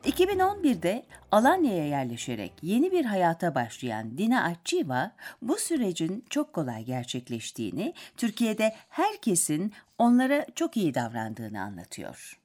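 A woman's voice: fairly low pitch, huge pitch swings, normal speed, few pauses, a little mellow. A woman radio presenter reading scripted narration in complete, orderly sentences, with music behind her.

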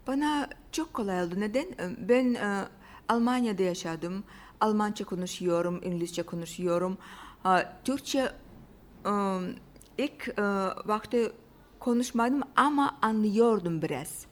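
Russian lady chatting about her life in broken turkish, strong non-native grammar slips, halting, medium pitch. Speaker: interview guest. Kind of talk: casual personal storytelling.

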